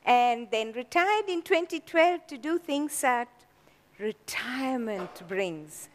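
An older woman from Sri Lanka giving a talk with dry humor, her voice slightly hoarse, laughing at her own jokes. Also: a little high, expressive, takes it slowly, long reverb tail. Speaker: guest speaker.

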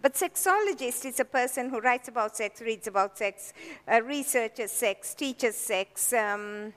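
Woman, older, from Sri Lanka, slightly hoarse, witty guest speaker, long reverb of a large hall. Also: a little high, measured pace. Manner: witty, laughs at her own jokes. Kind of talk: public talk with humor.

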